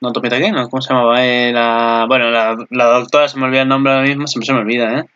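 Excitable man, bright lo-fi voice. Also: medium pitch, fast talker, clear, resonant tone. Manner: excitable, rambling, jumps to loud exclamations. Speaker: anime commentator. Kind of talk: casual video commentary.

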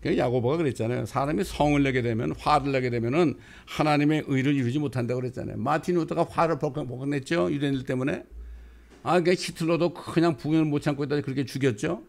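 A male pastor delivering a sermon, telling stories and rising into loud quoted passages. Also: a little high, fast talker, vocal fry. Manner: storytelling preacher, bursts into loud quoted lines.

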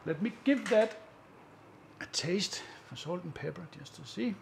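A man hosting a cooking show, calmly explaining each step as he cooks, often chuckling. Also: sits high, measured pace, gravelly, slight background noise. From Northern Europe. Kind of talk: casual cooking demonstration.

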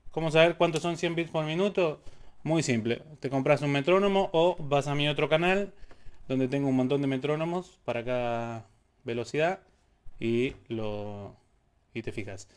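A man's voice: a little high, normal speed, clean tone. A man teaching a casual music theory lesson, explaining step by step and singing syllables to show rhythms.

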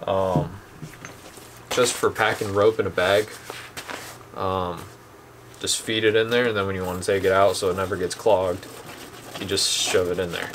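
A man's voice: sits low, moderate pace, long pauses, noisy background. A young man casually showing off two boat anchors at home, talking plainly with lots of ums. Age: young adult. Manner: relaxed, plain-spoken, many ums. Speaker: channel host reviewing boat anchors. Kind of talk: casual product demo. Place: dim indoor room at home.

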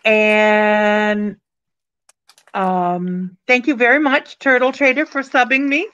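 Slow-talking older woman hosting a live stream. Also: mid-range voice, little pitch movement, a bit bright. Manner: slow, unhurried, chatty, thanking viewers by name. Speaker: live auction host. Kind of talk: casual live-stream chat. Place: small room at home, indoors. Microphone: webcam on a computer, video call. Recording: dull lo-fi webcam audio.

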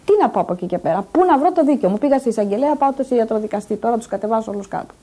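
A woman's voice: a little high, expressive, mellow, husky. A distressed middle-aged woman giving agitated, insistent testimony in a news interview, repeating her points. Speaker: interviewee, patient's daughter.

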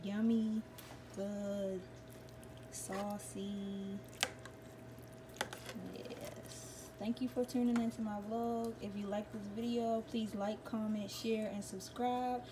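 A woman's voice: medium pitch, little pitch movement, slow. A young woman chatting through a cooking tutorial in her home kitchen, calling viewers "y'all", on a camera mic by the stove. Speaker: cooking vlogger. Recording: loud sizzling kitchen noise. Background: sizzling frying food.

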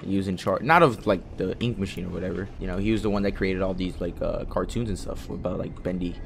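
A young man hosts a horror game playthrough, his commentary casual and nervous, packed with slang and swearing. He talks fast in a deep voice with vocal fry. Music plays behind him, along with slight background noise.

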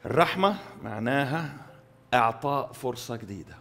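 Emphatic Egyptian pastor preaching. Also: male voice, medium pitch, animated, creaky, soft background music. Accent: Egyptian Arabic. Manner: emphatic, swings between loud stresses and soft drawn-out endings; repeats key words for stress. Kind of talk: sermon. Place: church hall.

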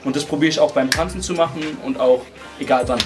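A 21-year-old man and hip hop dancer, talking casually about his dancing in a relaxed, searching way with many fillers and restarts. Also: mid-range voice, quick pace. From Germany. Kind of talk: casual interview talk. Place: indoors beside a wooden wall. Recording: music playing under the voice.

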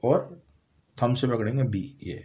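A music teacher with a Pakistani Urdu accent and a mid-range voice calmly walks through a piano lesson step by step. Now and then he sings brief lyric lines slowly, with piano playing behind his voice.

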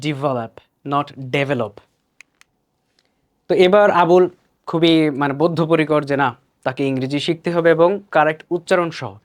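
A man's voice: fairly high pitch, steady tone. Bangladeshi man teaching pronunciation, repeating words. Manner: explains, then repeats each word slowly. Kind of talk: explanatory lesson.

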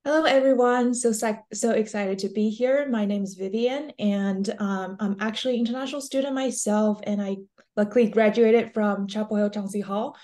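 A woman's voice: medium pitch, normal speed. Bubbly young woman from Shanghai. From Shanghai, China. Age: 20s. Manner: excited, bubbly. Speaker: alumna panelist. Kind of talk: casual self-introduction. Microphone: video call.

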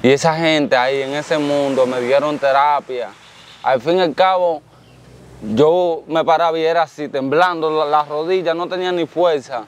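On the high side and fairly even in intonation, this man's voice moves at normal speed as he casually recounts his own story in an interview. He is from the Dominican Republic, has a Dominican Spanish accent, speaks earnestly and repetitively, and thanks God often. Slight background noise is audible.

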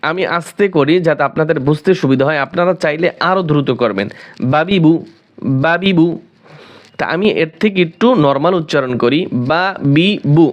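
A man teaching Quran letter sounds in a slow, deliberate spoken lesson, drilling each syllable and repeating it several times, with a Bangladeshi Bengali accent. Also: fairly high pitch, lively intonation.

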